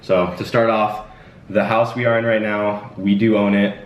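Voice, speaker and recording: A twenty-year-old channel host runs a casual Q&A chat indoors at home, laid-back and rambling, with plenty of fillers. His lowish voice shows little pitch movement at a moderate pace. The room is echoey, the mic distant and dull, with a little hiss or hum.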